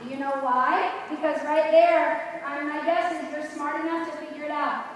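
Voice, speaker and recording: A woman with a high voice teaches riding in brisk, projected commands. She is firm and instructive, putting questions to her pupil. The sound is distant and very reverberant, as in a large arena, with some faint noise behind her. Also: fairly even intonation. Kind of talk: live riding lesson coaching. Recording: echoey hall, distant mic, background noise.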